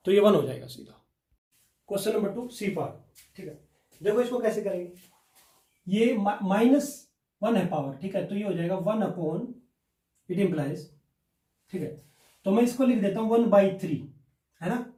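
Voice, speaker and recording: A man's voice: high voice, darkish tone. A male maths teacher explains exercises step by step, keeps checking that the class follows, and answers his own questions. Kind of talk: blackboard maths lesson. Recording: echoey room, mic at a distance.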